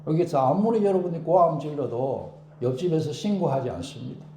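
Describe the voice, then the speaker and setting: A male pastor preaching a sermon in an animated way, acting out prayers and shouting for emphasis. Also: a little high, brisk, reverberant, a little hiss or hum. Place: church.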